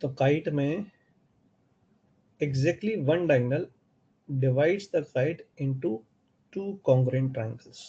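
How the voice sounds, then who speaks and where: A man's voice: medium pitch, warm tone, slightly rough, muffled recording. A man with an Indian accent teaching geometry in an online class, explaining step by step and checking in with his students. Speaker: math teacher. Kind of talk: online live class lecture.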